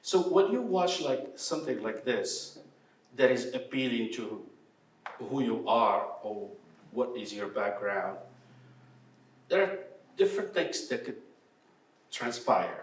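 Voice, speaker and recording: A man from Morocco moderating a panel discussion, halting and repeating words as he searches for phrasing. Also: medium pitch, big pitch swings. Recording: echoey room from far off with faint background hum.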